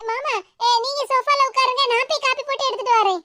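A performer voicing a meek, gentle young daughter-in-law in a cartoon, soft and polite, with a southern Tamil Nadu accent. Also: very high-pitched, fast talker. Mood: timid. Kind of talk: cartoon voice acting. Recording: loud background noise.

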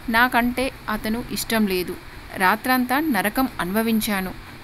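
A woman's voice: a little high, a bit bright, a little hiss or hum, natural voice. A woman voicing a frightened young bride who pleads to be sent home.

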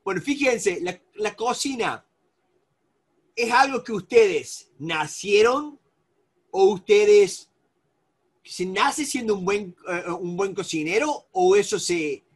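Argentine male seminar instructor, high-pitched, animated and repetitive, addresses the group by name. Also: slow, husky. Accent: Argentine Spanish. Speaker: negotiation instructor. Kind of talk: live seminar lecture to a group.

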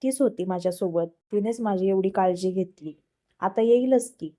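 A woman reading the lines of a calm, reassuring young man recovering in a hospital, in a storybook tale. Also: medium pitch, moderate pace, lightly acted.

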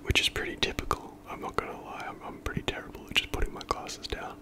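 Someone whispering casually in an ASMR finger-tapping video, rambling in informal, self-deprecating slang with a breathy, unvoiced voice. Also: fast talker. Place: indoors at home.

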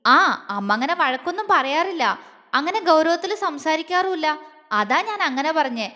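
A woman's voice: high voice, very animated, normal speed, long reverb tail, heavily acted. A woman voicing a tender, teasing young man. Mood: tender, coaxing. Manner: soft, affectionate, coaxing. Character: loving, teasing young man, gentle and protective.

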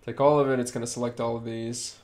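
A man's voice: medium pitch, flat delivery, fast, a little mellow. A man live-streaming as a game developer, explaining in a casual way and thinking aloud while he works.

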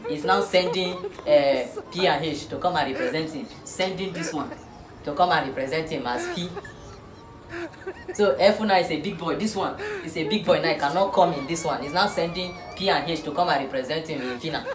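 A woman's voice: low-pitched, a little fast, a crowd in the background. A woman giving a joking spelling lesson, playful and repetitive, laughing often. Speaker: comic host. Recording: roomy echo.

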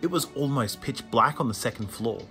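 A man reading a children's horror story aloud in a measured, suspenseful first-person narration, with music underneath. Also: mid-range voice, lively intonation, sharp tone. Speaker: audiobook reader.

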